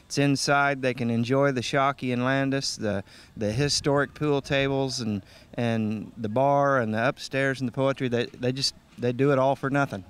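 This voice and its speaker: A man's voice: mid-range voice, fairly even intonation, moderate pace, clear, resonant tone. A man with a folksy, easygoing manner, speaking casually as an interview guest who organizes and emcees events.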